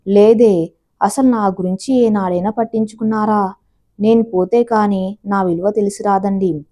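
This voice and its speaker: A woman's voice: medium pitch, fairly even intonation, normal speed, warm tone, close to an everyday voice. A woman voicing an aggrieved middle-aged housewife who complains in a hurt, indignant way.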